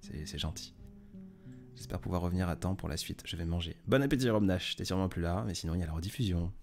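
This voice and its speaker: A man hosting a casual live stream, reading viewers' messages aloud and answering in a soft, hesitant way with many fillers. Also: sits low, fast talker, soft background music. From France.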